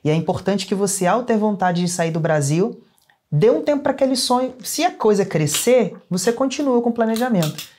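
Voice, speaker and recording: A man's voice: high-pitched, animated, a little fast, darkish tone. A young man with a Brazilian accent, an interview guest earnestly telling a personal story in casual conversation. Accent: Brazilian Portuguese. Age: young adult.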